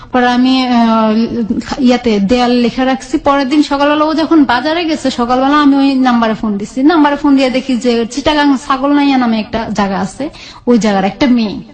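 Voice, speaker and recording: A woman's voice: on the high side, a little mellow. A woman on a radio show telling her own life story in rambling, colloquial speech with many restarts. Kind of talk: emotional personal storytelling.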